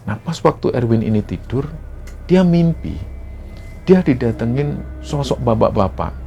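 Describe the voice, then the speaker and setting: A man's voice: medium pitch, expressive, measured pace, gravelly, warm tone, muffled recording, soft background music. A man narrating a horror experience in a dramatic, conversational way. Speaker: storyteller.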